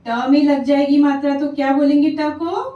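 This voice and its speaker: A woman teaching young children, drawing out each syllable slowly and clearly. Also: sits high, steady tone, reverberant, recorded from a distance, dull audio. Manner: slow, drawn-out sounding of syllables. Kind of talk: children's lesson.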